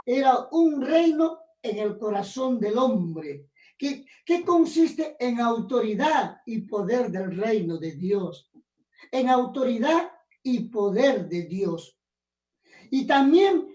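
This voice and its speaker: High, slow woman preaching in an echoey room. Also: big pitch swings. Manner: emphatic, rising to shouts on key phrases. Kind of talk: sermon with a personal testimony. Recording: echoey room, mic at a distance.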